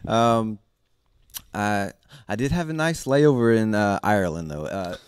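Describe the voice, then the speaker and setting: Halting man in comedy banter. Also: lowish voice, lively intonation, smooth, no room sound. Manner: halting, full of fillers and chuckles. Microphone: handheld microphone with switch.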